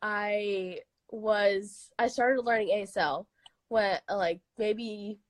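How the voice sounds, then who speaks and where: A woman's voice: mid-range voice, fairly even intonation, slow, no echo. A young woman calling into a livestream on a video call, sick and losing her voice, nervous and gushing with giggles. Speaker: caller. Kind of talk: casual livestream chat.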